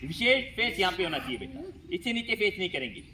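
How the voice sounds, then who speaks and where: High-voiced man, magician at a noisy school. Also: quick pace. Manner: repetitive, lively storytelling, keeps addressing the children. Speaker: stage magician. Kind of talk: magic show patter for schoolchildren. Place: school event. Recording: noisy school show recording.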